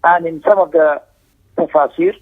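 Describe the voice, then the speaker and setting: With a fairly high pitch, a steady tone, and a moderate pace, a man teaches an emphatic religious lesson, explaining a text with Arabic recitation and quotations and repeating phrases for stress. The recording sounds thin and phone-like.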